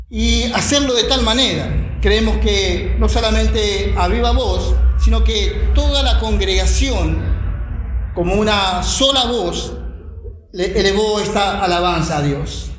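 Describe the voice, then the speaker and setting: A man with a high voice delivers a sermon at an unhurried pace. He reads scripture deliberately and repeats words for emphasis. The echoey room adds reverb to every line. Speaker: preacher. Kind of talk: sermon with Bible reading.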